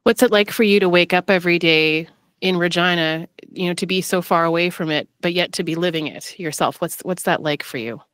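Smooth, dry-voiced woman radio host. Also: on the low side, fairly quick, no room sound. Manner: calm, gentle, attentive questioning. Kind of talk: public radio interview. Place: small padded radio studio. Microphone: studio microphone with headphones.

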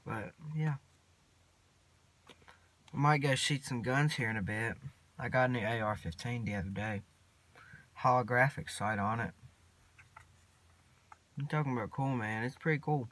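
A teenage boy, rambling casually to his phone camera from inside a parked truck, mumbling in a laid-back drawl with long pauses. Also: mid-range voice, fairly bright tone. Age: teens. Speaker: vlogger. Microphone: phone camera at arm's length.

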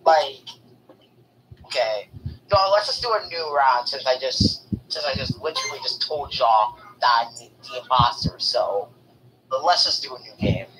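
A man's voice: mid-range voice, expressive, normal speed, noisy background. A man rambling defensively in casual voice chat during an online game, full of fillers and restarts.

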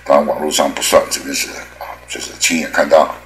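Very deep-voiced man teaching, echoey room. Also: flat delivery. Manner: chatty, many drawn-out filler particles. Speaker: English teacher. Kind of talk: spoken language lesson.

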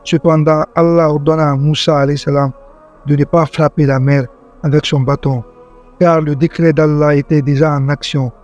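A man tells a religious story in a measured, earnest scripted narration, his voice sitting a little high for a man yet mellow and warm. Quiet music plays softly behind him. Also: little pitch movement, muffled recording. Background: faint background music.

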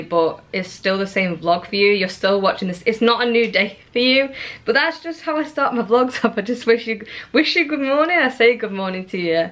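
A woman in her twenties films a casual, rambling vlog in her living room at home, talking to camera with lots of "likes" and "ums." Her voice is mid-range and fairly bright.

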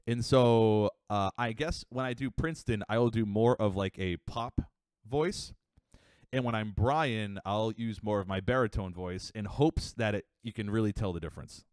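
A young man chatting casually on a live stream, rambling with fillers and quick asides. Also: on the low side, darkish tone, clear, resonant tone, no room sound, clean studio sound. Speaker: livestreamer.

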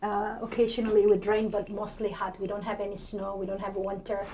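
Here the interview guest, a forties-aged city council candidate with a Somali accent, answers conversationally from a desk in an indoor TV studio. Her mid-range voice sounds dark and level, moving fairly quickly. Background noise is clear on a rough recording.

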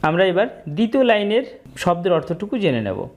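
A woman teaching the pronunciation of Sanskrit verses, speaking slowly and deliberately and chanting each verse. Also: lowish voice, very animated, a little mellow, dull audio. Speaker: scripture teacher.

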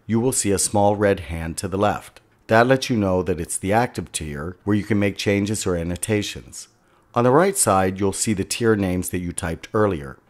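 A man with a very low voice walks through a software tutorial one step at a time. He speaks as an instructor over a screen recording, giving plain, steady directions.

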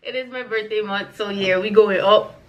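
Speaking at a moderate pace in a steady, mid-range voice, a thirtysomething American woman gives a playful, casual life-update vlog to camera, repeating phrases to stress them. The recording's highs are cut off.

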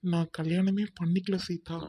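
A woman playing a gentle, devoted unmarried man who still loves his old sweetheart, speaking softly and earnestly in amateur drama acting. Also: fairly low pitch, flat delivery, normal speed, slightly rough. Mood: tender. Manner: soft, consoling, earnest.

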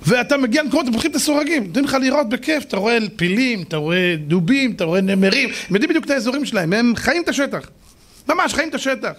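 A man, a rabbi, giving a sermon as a story and acting out the people in it with animated delivery. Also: very high voice. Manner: animated, acts out the people in his stories.

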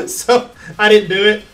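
With faint game music in the background, this streamer in his 20s talks slowly in a high-pitched, fairly bright voice. He hosts a casual gaming stream over a headset mic, joking about himself in an easygoing way.

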